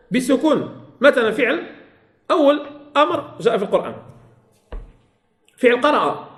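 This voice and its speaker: A man's voice: extremely high pitch, roomy sound. A man teaching a lesson on Quran recitation, often questioning his students and repeating key phrases. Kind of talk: classroom lesson.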